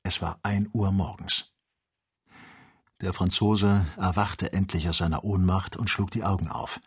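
A man reading an adventure novel aloud as an audiobook, with measured, expressive storytelling. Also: sits low, husky. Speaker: audiobook reader. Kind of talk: scripted audiobook narration.

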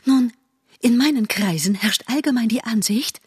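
A woman voicing a vain, affected male butterfly in a storybook, talking high, airy and condescending. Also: moderate pace, breathy edge. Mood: haughty.

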